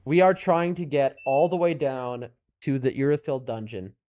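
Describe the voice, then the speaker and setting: This game streamer, a man from the US East Coast with a New York accent, rambles casually through live commentary while chatting with his viewers. His voice is medium in pitch and darkish in tone, at a moderate pace, with music in the background.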